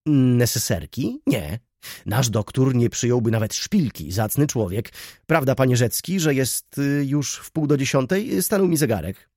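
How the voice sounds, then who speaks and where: A man voicing a young, dandyish male shop clerk who talks in quick, fawning sales patter. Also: medium pitch, lively intonation, darkish tone, no room sound, clean studio sound, pitched above the performer's own voice. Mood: excited excuses. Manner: rapid, ingratiating patter.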